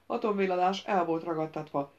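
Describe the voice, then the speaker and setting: A woman narrating an audiobook in a steady storytelling manner. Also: lowish voice, lo-fi sound. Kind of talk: scripted narration.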